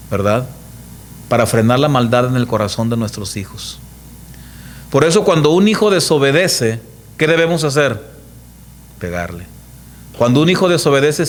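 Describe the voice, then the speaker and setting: A middle-aged man preaching a sermon, emphatic and full of rhetorical questions to the congregation, telling stories with lively quoted voices. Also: mid-range voice. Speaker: pastor. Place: church.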